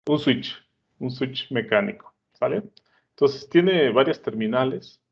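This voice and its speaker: A man teaches in a loose, conversational way, regularly checking that his listeners follow. His voice sits at a middle pitch. The recording is dull and lo-fi. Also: lively intonation, a little slow, gravelly, husky. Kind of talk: explaining at a whiteboard. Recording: dull lo-fi sound.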